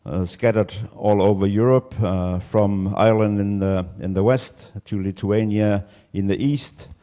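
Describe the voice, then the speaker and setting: Slow, hesitant man presenting. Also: lowish voice, steady tone, mellow, clear, resonant tone. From Denmark. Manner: hesitant, many fillers and restarts. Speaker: farmer and conference speaker. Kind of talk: conference presentation. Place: conference room.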